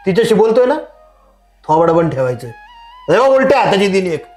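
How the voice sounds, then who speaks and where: An actor playing a proud, domineering father who scolds and shouts with contempt. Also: high voice, very animated, fairly quick, faint music behind. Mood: angry. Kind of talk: short drama acting.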